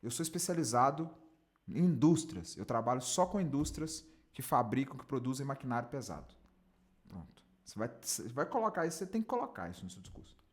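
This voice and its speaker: Animated male sales mentor. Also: medium pitch, a little fast. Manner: animated, direct, demonstrates with lively intonation. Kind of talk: coaching a mentee on cold calls.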